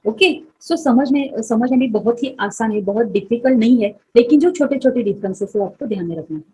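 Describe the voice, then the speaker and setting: A young woman explaining vocabulary step by step in a relaxed lesson, repeating words slowly and asking checking questions. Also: fairly high pitch, breathy edge, rough recording. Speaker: Japanese teacher. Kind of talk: Hindi-English vocabulary lesson.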